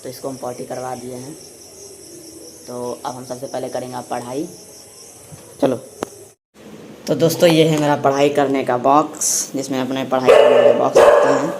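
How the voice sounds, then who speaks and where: A man's voice: mid-range voice, fairly even intonation, moderate pace, long pauses, noisy background. A young man chatting casually through a vlog while walking his dog and studying, often repeating words as he calls the dog along. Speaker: vlogger. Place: outdoors on wet streets and at home.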